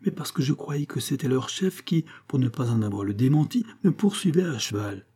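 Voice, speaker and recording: A man's voice: mid-range voice, lively intonation, moderate pace, warm tone, slightly rough. A man reading aloud as a naive young peasant lad who talks in an earnest, pleading way. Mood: eager.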